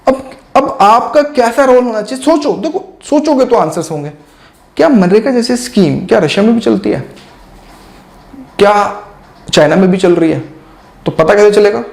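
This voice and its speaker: A man's voice: sits high, lively intonation, normal speed, gravelly, pauses often, a little mellow. A man teaching exam preparation in a casual, chatty lecture style, addressing students directly with lots of asides.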